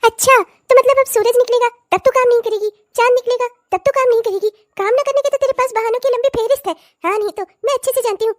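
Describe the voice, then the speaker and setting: A cartoon stepmother, voiced by a woman, scolds and curses at a rapid clip. Her voice sits very high and shrill, with a nagging edge. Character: harsh scolding stepmother, middle-aged woman. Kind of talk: cartoon voice acting.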